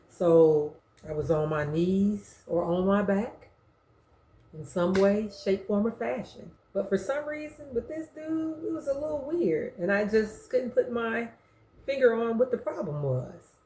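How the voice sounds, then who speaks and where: A middle-aged woman frankly telling her own story, in slangy, animated speech that acts out what others said. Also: medium pitch. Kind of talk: confessional storytelling. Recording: roomy echo.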